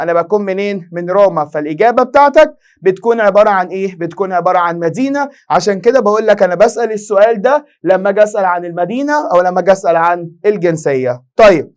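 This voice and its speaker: A young Egyptian man with an Egyptian Arabic accent and a high, clean-toned voice teaches an Italian exam-prep lesson. He fires rhetorical questions at his students and answers them himself.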